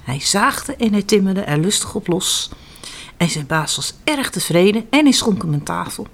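A woman telling children's stories aloud in an animated, expressive way. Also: mid-range voice, normal speed, gravelly. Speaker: storyteller.

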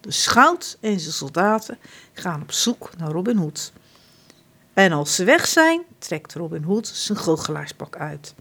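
A woman reading a children's storybook aloud, expressive and hushed at times. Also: fairly low pitch, unhurried.

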